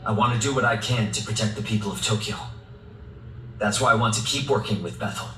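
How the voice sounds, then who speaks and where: A man's voice: fairly low pitch, brisk, fairly bright tone, a little hiss or hum, close to an everyday voice. A male actor voicing an earnest, determined young man in a video game, speaking sincerely and resolutely. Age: young adult. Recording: echoey, distant sound under music.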